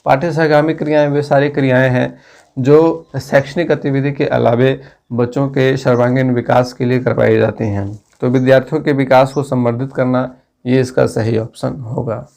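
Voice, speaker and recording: A man's voice: mid-range voice, little pitch movement, moderate pace, creaky, darkish tone. A man teaching an exam-prep lesson, reading out each question and its options and then explaining the right answer in a plain, methodical way. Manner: methodical, plain-spoken, addressing students directly.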